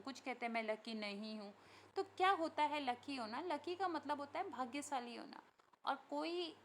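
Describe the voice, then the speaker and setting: A woman's voice: high-pitched, a bit bright, slight background noise. A woman from India with an Indian English accent, a primary school teacher patiently explaining a poem to children. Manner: slow, patient explaining, mixing English and Hindi.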